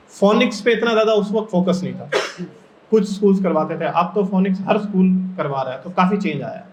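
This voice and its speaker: A man from Pakistan training teachers in a workshop, explaining step by step and often putting questions to the room. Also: high voice. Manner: explains step by step and keeps asking the audience questions. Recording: echoey room, dull lo-fi sound.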